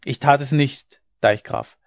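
A brash, bull-necked laborer talks back with mocking defiance, his voice pushed up high, as a male narrator puts him on. The storybook recording is slightly lo-fi and dry. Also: a little slow, dry recording, close to an everyday voice. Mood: insolent. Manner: cheeky, defiant, rising pitch.

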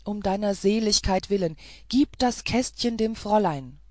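A woman voicing a desperate armed young man who shouts his urgent demands and pleas in a storybook reading. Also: medium pitch, animated, moderate pace, no echo, studio quality, lightly acted.

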